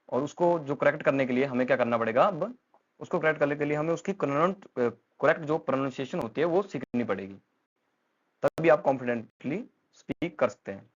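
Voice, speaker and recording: A man's voice: mid-range voice, dull audio. A man with an Indian accent teaching English pronunciation, talking patiently and repeating words with frequent fillers. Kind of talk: explanatory lesson in Hindi mixed with English.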